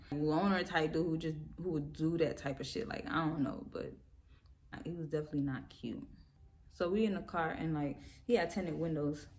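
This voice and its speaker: A young woman with a low voice tells a story in a loose, rambling way. She leans on fillers and breaks into laughs, and there is a faint hiss behind her. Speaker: vlogger telling a story. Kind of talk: casual storytime.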